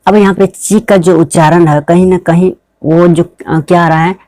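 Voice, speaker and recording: Man teaching with dark dry voice. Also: high voice, fairly even intonation, normal speed, no room sound. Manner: repetitive, asks and answers his own questions. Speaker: English pronunciation teacher. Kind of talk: screen-recorded tutorial lesson.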